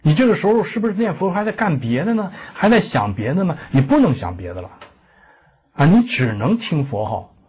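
A man's voice: a little high, big pitch swings, fairly quick, darkish tone, husky. A man teaching a Buddhist dharma lecture, explaining patiently with many "ah" fillers and rhetorical questions, on a muffled lo-fi recording.

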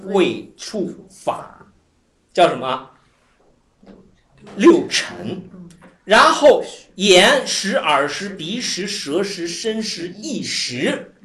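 A lively Buddhist scripture teacher, voice swinging up and down at a middling pitch. The talk runs as a loose explanatory lecture, full of repeated phrases and easy chuckles. The voice sits in a roomy, echoing space. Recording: roomy echo.

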